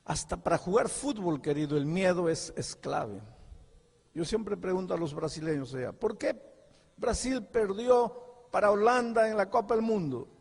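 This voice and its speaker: A middle-aged male pastor preaching a sermon, telling a story and moving from hushed, intimate passages to impassioned ones. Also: sits high, expressive, normal speed, vocal fry, breathy edge. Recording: long hall reverb.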